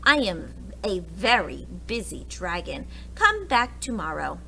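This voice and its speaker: A woman's voice: lowish voice, sing-song, unhurried, vocal fry, sharp tone, a little hiss or hum, full character voice. A woman voicing a boastful, grumpy male dragon from a storybook, with a dismissive manner.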